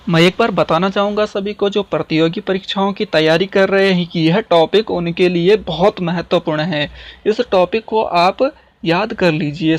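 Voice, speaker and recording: A man's voice: high voice, no echo. A man teaching a grammar lesson, who poses questions to his students and answers them himself, repeats key terms, and checks in with "okay" after each point. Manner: checks in with "ठीक है" often. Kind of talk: classroom-style explanation lesson.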